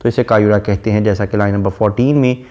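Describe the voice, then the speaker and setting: A man, lecturing on a poem and explaining each line in a steady teaching manner. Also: fairly low pitch. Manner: reads quoted verse slowly, explains at an even teaching pace. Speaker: literature lecturer.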